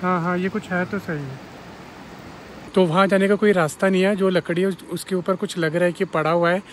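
A man's voice: high voice, fairly even intonation, a little fast, slight background noise. A man in his thirties from India, chatting casually to viewers as a travel vlogger at an outdoor riverside campsite. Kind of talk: casual vlog narration. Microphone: camera mic at a distance. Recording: music bed behind voice.

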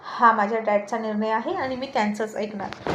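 A woman's voice: on the high side, fairly even intonation, normal speed, echoey room, noisy background, close to an everyday voice. A woman voicing a cheerful, teasing young man speaking to his parents. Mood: playful. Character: cheerful young man, playful grown son.

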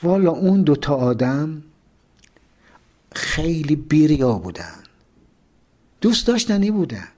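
A man narrating a prison memoir in an expressive storytelling reading, with a lively, dramatic delivery. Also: fairly high pitch, pauses often.

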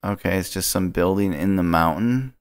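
Low-voiced man doing casual gameplay commentary. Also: moderate pace, noisy background. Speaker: let's play host.

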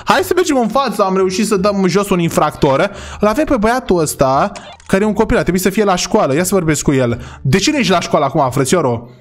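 A young man from Romania giving excitable, chatty commentary while playing a video game, talking to his viewers. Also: high-pitched. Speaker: gaming YouTuber. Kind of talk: gameplay commentary.

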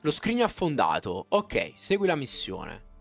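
A man's voice: fairly high pitch, unhurried, creaky. A man casually commenting on his gameplay live, slangy and talking to his chat. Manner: animated, slangy, talks to chat. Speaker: streamer. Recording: faint background music.

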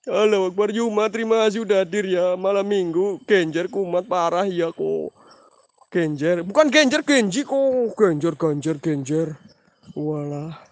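This high-pitched man speaks at a moderate pace with no echo while running a nighttime paranormal livestream outside. He chats away, thanks viewers by reading their names, drops in Javanese slang, and lets out sudden exclamations.

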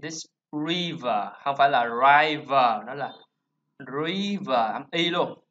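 A man's voice: fairly high pitch, normal speed, a bit bright. A man teaching English pronunciation, chattily explaining and drilling each sound over and over. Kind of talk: screen-recorded lesson talk. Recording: dull lo-fi voice recording.

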